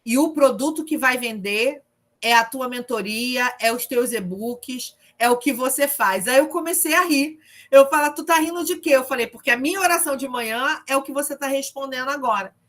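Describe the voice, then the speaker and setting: Bright, lively woman preaching. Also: sits high, normal speed. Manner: lively, humorous, testimony-telling. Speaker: discipleship group leader. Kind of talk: informal preaching to an online group.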